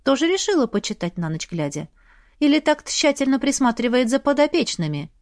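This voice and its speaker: A woman narrating a first-person audiobook in a steady storytelling manner. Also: high voice, brisk, no room sound, studio quality.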